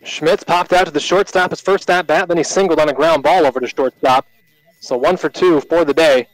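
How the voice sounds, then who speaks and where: A man with an American accent calling live baseball play-by-play on the radio in short, measured announcer phrases. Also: on the high side, steady tone, no echo, low-quality recording.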